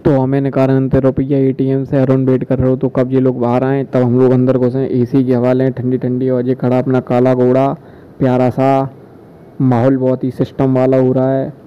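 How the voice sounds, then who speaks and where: A man's voice: medium pitch, monotone, normal speed, clean tone. A young man vlogging his day in loose, rambling chatter with local dialect words. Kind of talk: casual vlog narration. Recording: slightly dull lo-fi phone audio.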